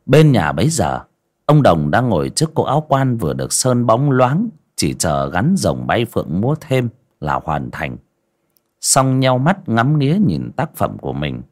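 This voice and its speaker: A man narrating a dramatic audio story in an expressive reading style. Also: lowish voice.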